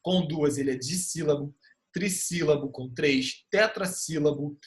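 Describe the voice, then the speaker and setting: A man's voice: on the high side, a little slow. A man with a Brazilian Portuguese accent, teaching an online class and patiently checking that the students are following. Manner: patient, checks understanding with frequent "tá bom?".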